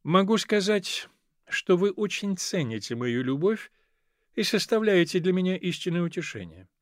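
A man's voice: high-pitched, lively intonation, normal speed, dry recording, studio quality, pitched above the performer's own voice. A man voicing an imperious old grandmother, a countess, who drawls each word. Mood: cold, reproachful.

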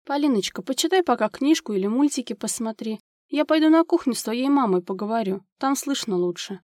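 A woman voicing a kind young woman who cares for a little girl, speaking gently and reassuringly. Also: on the high side, expressive, a little fast, no room sound, clean studio sound, lightly acted. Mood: gentle.

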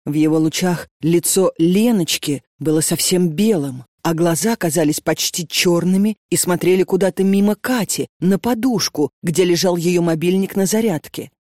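A woman narrating an audiobook in a calm, measured reading voice. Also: on the low side, no echo, studio quality. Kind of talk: scripted narration.

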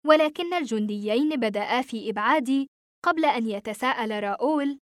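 Woman, audiobook narrator, steady expressive storytelling, dry close sound. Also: on the high side, a little fast, dry recording. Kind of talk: first-person novel narration.

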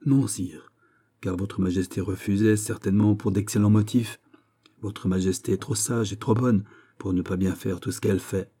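A man's voice: lowish voice, fairly even intonation, normal speed, warm tone, slightly rough. A man voicing a solemn young nobleman. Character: earnest young male nobleman, proud.

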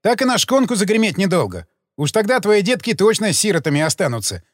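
A man's voice: high voice, very animated, fast talker, no room sound, studio quality, voice pushed up. A man reading an audiobook, voicing a sardonic male police major who speaks in a mocking, menacing way.

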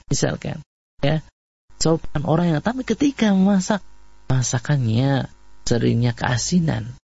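Indonesian guy giving a sermon, husky voice, dry dull recording, keeps repeating himself. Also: mid-range voice, no echo. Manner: repetitive, animated storytelling with acted quotes. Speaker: Islamic preacher. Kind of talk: radio-style sermon on marriage.

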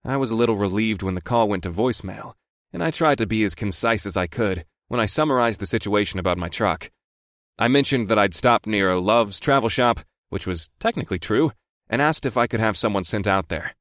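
A man's voice: lowish voice, lively intonation, fairly quick, fairly bright tone, dry recording, clean studio sound. A man narrating a first-person story in a wry, sardonic manner. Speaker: audiobook narrator.

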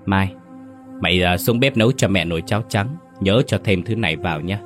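A man's voice: sits low, brisk, faint music behind, close to an everyday voice. A man voicing a callous, harsh village mother in a ghost story reading, snapping and scolding.

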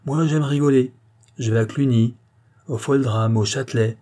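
A man's voice: mid-range voice, expressive, normal speed, warm tone, slightly rough. A man voicing a brash, boisterous working-class tram driver in an audiobook.

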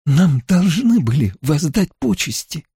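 A man voicing an earnest, anxious young woman, a novice confined to a small cell, in a hushed, pleading way. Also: a little high, very animated, measured pace, breathy edge, no echo, clean studio sound, voice pushed up, exaggerated voice. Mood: indignant.

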